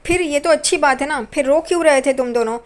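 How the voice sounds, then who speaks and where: A woman voicing a puzzled father from a TV serial who asks what is going on, in a high voice close to her own. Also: fast, natural voice. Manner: puzzled, questioning.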